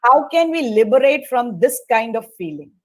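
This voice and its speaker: Woman, fairly high voice, moderator, polite, reading questions, video call. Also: big pitch swings, moderate pace. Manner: reads out questions, polite, many fillers. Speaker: webinar moderator. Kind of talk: moderating a webinar Q&A.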